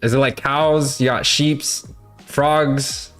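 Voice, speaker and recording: A man's voice: mid-range voice, fairly even intonation, slow, fairly bright tone, faint music behind. A man hosting a gaming livestream podcast, loose and joking, swearing casually. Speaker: stream host.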